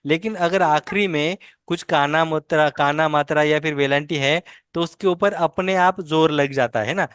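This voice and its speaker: A woman's voice: sits low, dry recording, clean studio sound. A woman teaching a language lesson, patiently modelling and correcting pronunciation word by word. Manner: corrects and models words slowly, repeating each.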